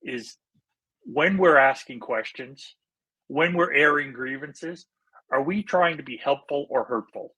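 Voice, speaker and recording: A man's voice: fairly high pitch, a little slow, sharp tone, breathy edge, rough recording. A man co-hosting a podcast in casual chat, explaining things in an earnest, easygoing way. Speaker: podcast co-host.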